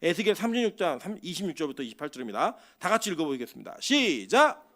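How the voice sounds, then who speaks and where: A male pastor preaches in a church with a high, lively voice that swings widely in pitch. He speaks animatedly, firing rhetorical questions at his congregation and acting out little quotes as he goes. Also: rapid-fire. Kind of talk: sermon. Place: church sanctuary.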